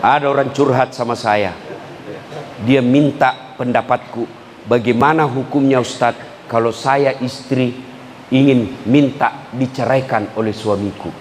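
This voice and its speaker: A middle-aged man giving a humorous sermon to a live audience, joking and teasing and breaking into sudden shouts. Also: medium pitch, unhurried, a little hiss or hum. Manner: lively, joking, jumps to sudden shouts, teases listeners. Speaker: preacher. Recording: echoey hall with faint crowd ambience.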